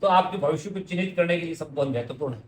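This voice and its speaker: A man's voice: fairly high pitch, very fast, reverberant. A man teaching correct Hindi spelling, explaining each word patiently and speaking directly to his students.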